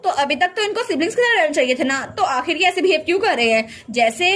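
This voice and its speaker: A woman's voice: very high-pitched, lively intonation, fast, a bit bright, slight background noise. A snide gossiping noble lady, read by a woman.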